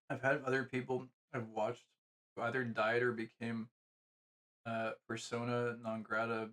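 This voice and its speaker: Man, streamer, casual reaction talk, rambling, swearing, monotone delivery. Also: medium pitch, low-quality recording. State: talking with food in his mouth.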